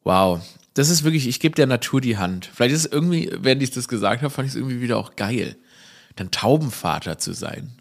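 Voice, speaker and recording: A man's voice: mid-range voice, expressive, fairly quick, creaky. A man, a comedian rambling through a casual, jokey podcast monologue full of self-irony. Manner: rambling, self-ironic, jokey, laughs at his own stories.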